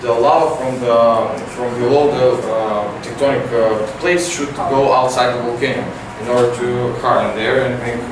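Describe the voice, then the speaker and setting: A teenage boy giving a science competition report with many fillers and halting phrasing. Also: mid-range voice, steady tone. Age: teens. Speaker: student presenter. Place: large classroom with projector. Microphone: far camera. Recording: echoey room from far off, noisy.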